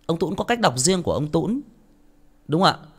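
Blunt Northern Vietnamese man, lively pitch. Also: moderate pace, slightly rough. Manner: blunt, outspoken, self-mocking. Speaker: audiobook narrator. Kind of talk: casual monologue to listeners.

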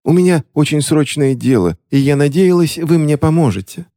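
A man's voice: fairly high pitch, lively intonation, normal speed, mellow, no room sound, clean studio sound, pitched above the performer's own voice, natural voice. A man voicing a cunning young witch who puts on tearful, theatrical grief to get her way. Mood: pleading. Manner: whimpering, theatrical, pleading.

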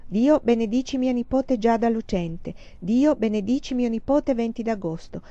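A woman reading a story aloud, voicing an eager little boy in a high, bouncy child voice. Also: normal speed, dark tone, no room sound, lightly acted. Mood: earnest. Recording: slightly muffled recording.

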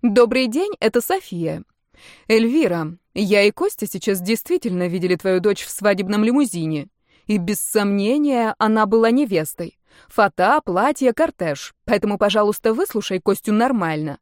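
A woman's voice: mid-range voice, lively intonation, moderate pace, a little mellow, dry recording, clean studio sound, close to an everyday voice. A woman voicing a jealous, protective middle-aged wife who speaks in an indignant, pointed way.

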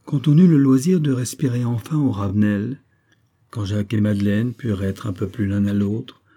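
A man reads a classic novel aloud in measured scripted narration. His voice sits low, dark and husky. He paces the long sentences evenly. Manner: measured, literary. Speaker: audiobook narrator.

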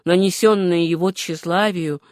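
A woman narrating a novel in a steady, even storytelling manner. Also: on the low side, normal speed, no room sound, clean studio sound. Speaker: audiobook narrator.

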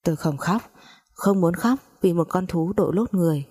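A woman narrating a sad first-person story in a calm, somber way. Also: on the low side, normal speed, breathy edge.

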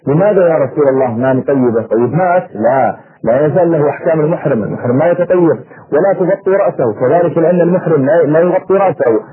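A man's voice: on the high side, animated, fast. A man preaching an impassioned sermon to his listeners, acting out the voices in the stories he tells. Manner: impassioned, acts out dialogue. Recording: tinny phone-like radio sound.

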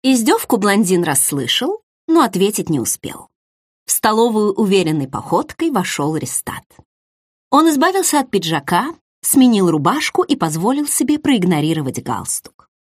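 Brief: woman audiobook narrator, lively expressive pitch, dry close recording, fantasy storytelling. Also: normal speed, slightly rough, no room sound.

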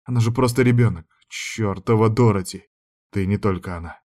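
A man's voice: lowish voice, moderate pace, darkish tone. A man narrating a dramatic audiobook in a tense storytelling manner.

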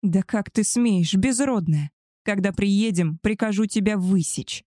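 A woman's voice: medium pitch, moderate pace, dark tone, no echo, clean studio sound, natural voice. A woman voicing an arrogant, spoiled young she-wolf woman who talks down to others in a haughty, contemptuous way. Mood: sneering. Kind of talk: audiobook character voice.

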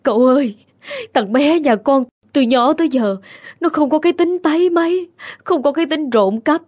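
A woman's voice: high-pitched, moderate pace, a little mellow, natural voice. A woman voicing a poor old village mother who begs tearfully for her son. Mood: tearful pleading. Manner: tearful, begging.

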